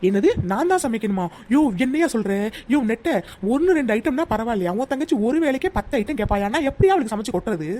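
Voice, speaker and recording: Give me a vain, chatty young village wife in a cartoon, voiced by a woman, a bit high and very quick. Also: lively intonation, close to an everyday voice. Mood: scolding. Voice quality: loud, scolding village banter. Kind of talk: cartoon voice acting.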